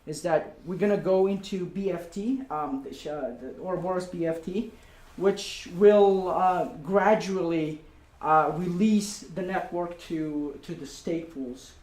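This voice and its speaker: A man giving an informal meetup presentation in a hesitant, halting way, often repeating words. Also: high-pitched, a little mellow. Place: indoor meetup room. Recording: echoey room recording.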